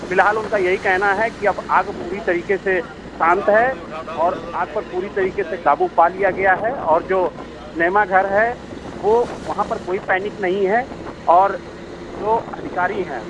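A male field reporter giving a live report from the scene over the phone, explaining steadily with some hesitations. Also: high voice. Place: outdoors near a mall. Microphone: phone line. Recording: muffled phone audio with faint background noise.

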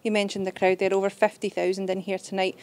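A woman interviewer asking brisk, friendly post-match questions to a manager and player. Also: mid-range voice, monotone, darkish tone.

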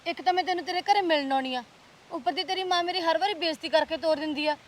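A woman's voice: extremely high pitch, slight background noise. A woman playing a sulky young Punjabi girlfriend. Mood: angry. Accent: Punjabi (Malwa). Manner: sharp, quick, demanding. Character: sulky young woman scolding her boyfriend. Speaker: actor in a short film.

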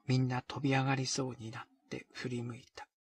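A man reading a period novel aloud in a measured, deliberate way. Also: medium pitch, monotone, slightly rough, no room sound. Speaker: narrator. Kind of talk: scripted narration of a period novel.

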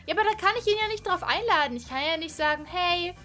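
Very high, bright-voiced woman role-playing. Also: fast, faint music behind. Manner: chatty, excitable, restarts sentences. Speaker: YouTuber role-playing in a game. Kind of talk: casual game role-play.

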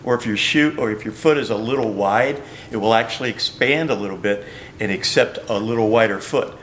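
A man's voice: fairly low pitch, fairly quick, fairly bright tone, slight background noise. An older man, a shoe company representative, patiently explaining product features in a store. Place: bowling shoe store, indoors.

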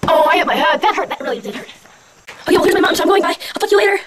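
A woman's voice: extremely high pitch, rapid-fire, a little hiss or hum. A young woman playing hyper sugar-crazed boy. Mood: upset. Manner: hyper, giddy, repetitive chanting. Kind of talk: homemade comedy skit.

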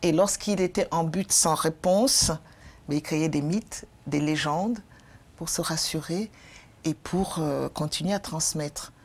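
Calm older woman storyteller, lower voice. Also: unhurried. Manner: calm, explanatory. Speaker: storyteller guest. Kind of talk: studio interview. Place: TV studio, indoors. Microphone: lapel.

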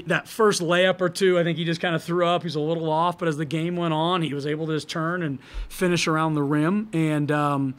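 Candid man coaching, higher-pitched voice. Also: fairly bright tone. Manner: candid, thinking aloud with restarts and fillers; gestures broadly while talking. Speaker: head basketball coach. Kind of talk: post-game press conference answers. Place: press room in front of a logo backdrop. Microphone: table microphone.

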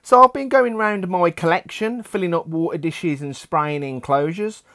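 A man's voice: sits high, normal speed, no echo. Chatty Australian man, dry close sound. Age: adult with children. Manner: relaxed and chatty, many fillers. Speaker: hobbyist vlogger. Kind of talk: casual collection update.

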